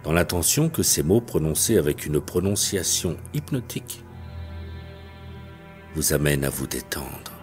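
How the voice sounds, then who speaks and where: A male hypnotherapist leading a guided hypnosis session in a slow, detached, hypnotic delivery, with soft music behind him. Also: very deep voice, animated. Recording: faint background music.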